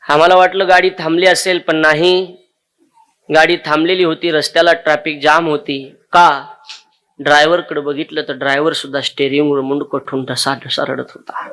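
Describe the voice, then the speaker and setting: A man from Maharashtra gives a devotional sermon with a bright, forceful voice pitched a little high. He tells his own story with deep emotion and keeps pleading straight to his listeners. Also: little pitch movement, normal speed. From Maharashtra, India. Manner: emotional, pleading, addresses the audience directly. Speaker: kirtan preacher.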